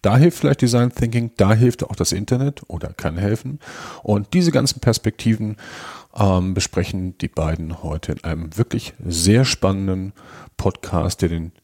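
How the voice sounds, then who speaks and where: A man's voice: sits low, expressive, moderate pace, darkish tone, slightly rough. A man introducing a podcast episode in an enthusiastic way. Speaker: podcast announcer.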